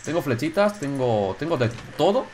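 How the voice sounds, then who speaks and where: Excitable gamer narrating his game. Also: fairly high pitch, moderate pace, slight background noise. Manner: excitable, swears, shouts when startled. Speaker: gaming YouTuber. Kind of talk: casual gameplay commentary.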